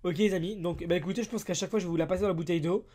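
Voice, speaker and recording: A man from France with a hoarse, broken voice from a cold, excitedly opening surprise toys in a casual unboxing vlog, exclaiming and repeating himself. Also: high-pitched, racing. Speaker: toy-opening YouTuber.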